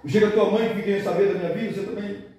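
A man's voice: high voice, fairly even intonation, very fast, mellow, very echoey, distant mic, low-quality recording. A Brazilian man, a pastor, preaching a sermon and acting out the voices of the people in his stories. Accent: Brazilian Portuguese. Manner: storytelling preacher acting out dialogue.

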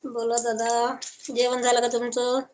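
Slow, high-voiced woman live streamer. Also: monotone, noisy background. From Maharashtra. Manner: reads viewer comments aloud and answers them affectionately. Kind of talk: casual live-stream chat.

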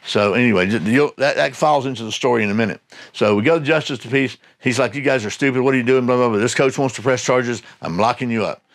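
Male host, casual storyteller, middle pitch, rambling and self-correcting. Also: fast talker. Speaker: channel host.

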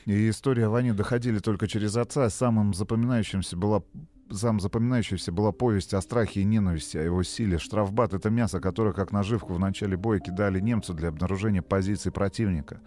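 Mellow-voiced male radio host reading. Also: fairly low pitch, quick pace. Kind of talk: reading listener messages on air.

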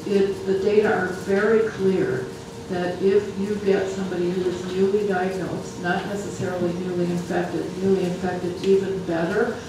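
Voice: mid-range voice, flat delivery. A speaker presenting data at a health planning council meeting, often restarting sentences. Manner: halting, many restarts. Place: large meeting room. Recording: echoey room from far off, noisy.

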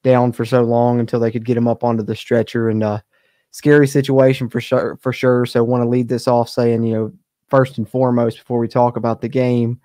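A man's voice: medium pitch, flat delivery, fairly quick, mellow, no room sound. A young man hosting a live postgame sports webcast from a home studio. He talks casually with many fillers and reads out chat comments. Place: home streaming studio, indoors. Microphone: studio mic close on camera.

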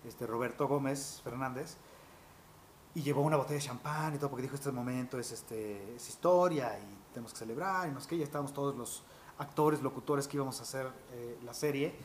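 A man, a voice actor telling stories from his career in an interview, animated and peppered with fillers. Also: medium pitch, slight background noise. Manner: animated, quick anecdotal storytelling with fillers like "este". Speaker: voice actor guest. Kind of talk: interview storytelling.

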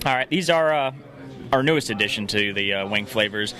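A restaurant staff member in his thirties answers interview questions in a pub dining room, friendly but hesitant and full of fillers. His lowish voice has lively intonation and sounds pushed and bright, moving a little fast into the host's handheld mic over crowd chatter.

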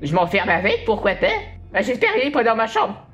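A woman's voice: mid-range voice, very animated, fairly quick, a bit bright, muffled recording, soft background music. A woman commenting on a horror game as she plays, jumpy and exclamatory, often laughing through nervous reactions. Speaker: gaming video host.

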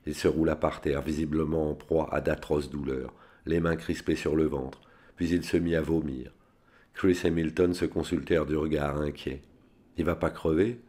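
A man reading a spy novel aloud in a steady, plain storytelling manner. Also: extremely low pitch, normal speed. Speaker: reader.

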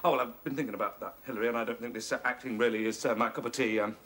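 A man's voice: mid-range voice, fairly even intonation, racing, lightly acted. An English actor in his twenties playing an awkward student feigning manliness, hesitant and evasive, in a studio sitcom. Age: 20s. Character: awkward young male student feigning manly heartiness. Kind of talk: 1970s studio sitcom acting. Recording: old TV studio, loud audience noise.

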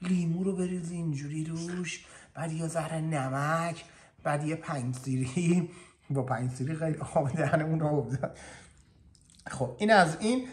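A man hosting a casual cooking vlog from a kitchen, joking and talking straight to his viewers through a clip-on mic. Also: a little high. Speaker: chef. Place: indoor kitchen.

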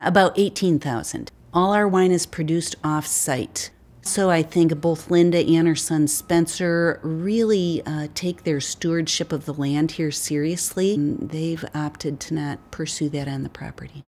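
A woman in her fifties, a winery wine specialist, answering interview questions in a relaxed, conversational way with frequent fillers. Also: low-pitched, measured pace. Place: indoor winery tasting room.

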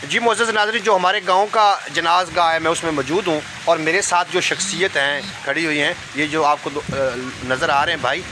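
A man in his thirties with a Punjabi accent vlogs from his village outdoors in light rain, interviewing a local on a phone held selfie-style at arm's length. His slightly high voice is brisk with hardly any pauses over a noisy background. He raises his voice to address viewers and speaks softer while walking.

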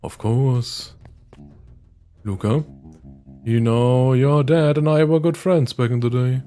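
A man voicing an overly familiar adult man who talks in a warm, reassuring, slightly pushy way. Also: mid-range voice, slow, soft background music, natural voice.

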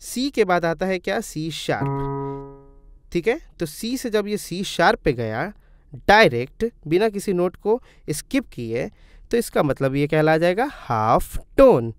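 Smooth-voiced man teaching music theory. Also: high-pitched, big pitch swings, takes it slowly, no echo, clean studio sound. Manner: explains step by step, asks and answers his own questions; calls viewers "brother" in friendly chat. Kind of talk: casual screen-recorded tutorial.

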